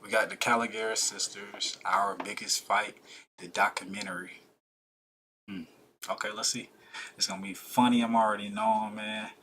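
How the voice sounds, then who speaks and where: A man's voice: on the low side, flat delivery, moderate pace, pushed and bright, a little hiss or hum. A man hosting a reaction video, talking to his viewers in a hyped, slangy way. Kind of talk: casual reaction commentary.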